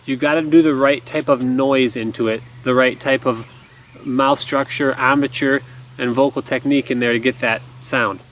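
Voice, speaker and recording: A duck call instructor in his thirties gives a casual, easygoing explanatory lesson outdoors in a garden by the woods. His mid-range voice is steady, fairly bright and moderately paced. A camera a few feet away captures it, with outdoor background noise.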